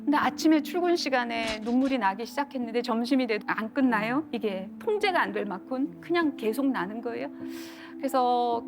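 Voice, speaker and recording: Middle-aged woman lecturer, fairly high voice, earnest storyteller, light music bed. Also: expressive, fairly quick, gravelly. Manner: earnest storytelling with acted-out quotes. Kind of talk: lecture to a studio audience.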